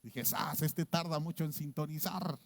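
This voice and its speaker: High-voiced Mexican pastor telling a story. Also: male voice, steady tone, moderate pace, gravelly, long reverb tail. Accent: Mexican Spanish. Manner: storytelling, dips low and hushed to mimic a prophet, asks "¿sí?" often. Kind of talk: sermon.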